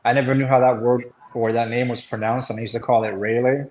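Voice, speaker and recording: A man's voice: mid-range voice, flat delivery, quick pace, a little mellow, a little hiss or hum, poor audio. Chatty man on a casual call. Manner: rambling, restarts, many fillers. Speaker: webinar host. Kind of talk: casual chat.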